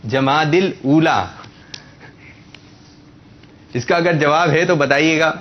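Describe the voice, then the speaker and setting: A man's voice: a little high, steady tone, dull audio. A man hosting a religious quiz show for children, patiently correcting and repeating their answers.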